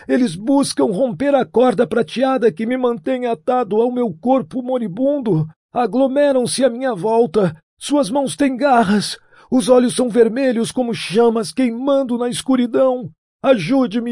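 A man voicing a tormented dying young king who pleads and then commands in a high, strained wail. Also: warm tone, no echo, clean studio sound. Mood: desperate pleading. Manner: desperate, urgent, imperious. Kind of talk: audiobook character voice.

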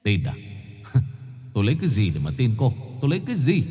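A man voicing a jealous, furious husband who hurls rapid accusations in a low hiss. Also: wildly swooping pitch, a little mellow, big-room sound. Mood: seething.

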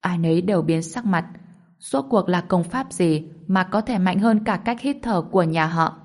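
A woman with a lowish voice reading a martial arts novel aloud. Her narration is steady and even. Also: moderate pace. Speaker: audiobook narrator. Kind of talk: storybook narration.

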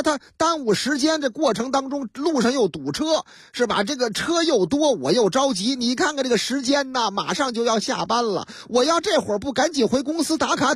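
Lady doing a flustered young guy behind the wheel, stammers, loud and bouncy, kinda husky. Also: fairly high pitch, no room sound, studio quality. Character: flustered young male driver, pleading and stubborn.

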